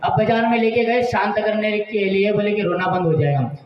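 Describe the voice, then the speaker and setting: A man's voice: high-pitched, steady tone, moderate pace. A man telling a devotional story as a sermon, asking rhetorical questions as he goes. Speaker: religious storyteller. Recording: echoey hall from far off, dull.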